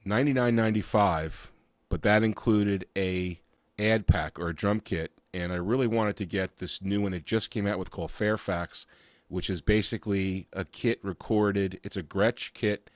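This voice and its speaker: Raspy-voiced man with a cold. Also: on the low side, steady tone, dry recording. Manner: halting, with frequent uhs and restarts. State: has a cold. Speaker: software reviewer. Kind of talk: casual screen-share walkthrough.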